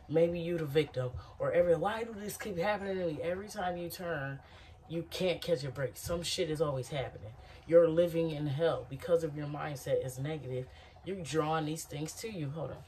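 A woman's voice: sits low, darkish tone, far from the mic, a little hiss or hum. A woman in her thirties chatting to camera in a small home kitchen in a loose, reflective, rambling way. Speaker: vlogger. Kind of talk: casual chat to camera while cooking. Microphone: phone camera propped on counter.

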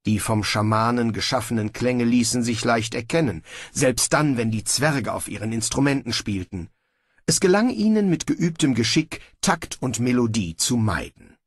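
A man giving scripted audiobook narration with lively storytelling. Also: medium pitch, normal speed, breathy edge, no echo.

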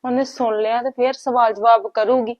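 A woman's voice: on the high side, steady tone, normal speed, a little mellow, muffled recording. A woman playing an anxious, emotional mother who scolds and worries in a family drama. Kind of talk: scripted family drama acting.

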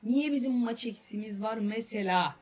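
A man with a high, darkish-toned voice speaks at a moderate pace while hosting a gaming channel. In this let's-play commentary on his football game, he gets frustrated, swears and repeats himself.

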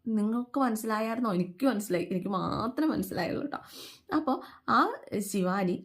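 A woman's voice: medium pitch, fairly quick. A woman talking casually as she recaps a TV serial episode, often asking listeners questions and acting out the characters' lines. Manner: chatty, with many fillers, asks listeners questions, acts out quoted dialogue.

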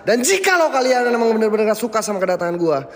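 High-voiced man taunting in an echoing building. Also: very animated, fast talker. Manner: brash, taunting slangy talk. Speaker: ghost-hunting vlogger. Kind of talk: casual live ghost-hunting commentary. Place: abandoned school at night.

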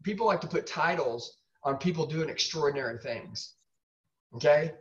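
A man's voice: fairly high pitch, normal speed. A man speaking as a sales trainer and host, giving emphatic, punchy motivational coaching and repeating himself for effect. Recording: distant mic, dull lo-fi sound.

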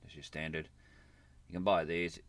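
This gadget reviewer speaks in a low, flat voice at a moderate pace. Seated at a desk near a computer indoors, he runs through an informal, unscripted hands-on demo in plain language.

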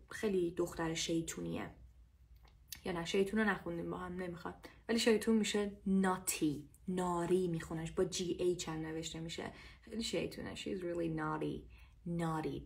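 Brief lively Persian-accented woman, casual English teacher on a livestream, slow drilled repetitions. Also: mid-range voice. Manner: lively, drills English phrases slowly and repeats them.

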